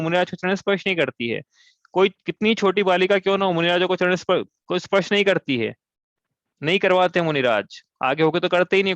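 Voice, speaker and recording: A man's voice: high voice, fairly bright tone, dry recording. Hindi-speaking man teaching scripture, dry lo-fi sound. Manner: explains step by step, asks and answers own questions; chants verses slowly. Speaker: religious teacher. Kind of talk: scripture class explanation.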